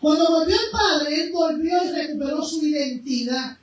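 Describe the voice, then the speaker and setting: Female preacher, high voice, fervent sermon delivery; distant, reverberant church recording with faint noise. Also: normal speed. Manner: impassioned, swinging between loud cries and quiet low passages. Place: church sanctuary. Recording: very echoey room, voice from afar, faint noise.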